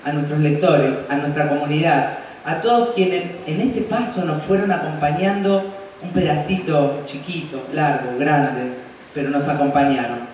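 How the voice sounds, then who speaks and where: A man's voice: a little high, fairly even intonation, a little slow, darkish tone. A man with an Argentine accent giving an unscripted, colloquial acceptance speech as an award recipient. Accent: Argentine, from Santa Fe province. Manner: colloquial, fond diminutives, checking in with '¿no?'. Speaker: award recipient from a community library. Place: large hall at an award ceremony. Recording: very echoey hall, distant mic, faint noise.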